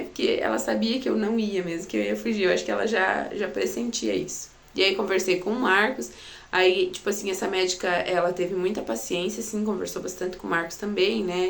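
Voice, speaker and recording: A woman from Brazil telling her own birth story in a casual, chatty way, often turning to her listeners with "né" and "sabe". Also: medium pitch. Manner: chatty, addresses listeners as "gente", frequent "né" and "sabe".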